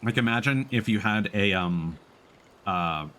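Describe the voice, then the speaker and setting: Animated but a little slow, this streamer's low, sharp-toned voice runs casual live commentary while he plays and thinks out loud. Game ambience hums faintly behind his voice.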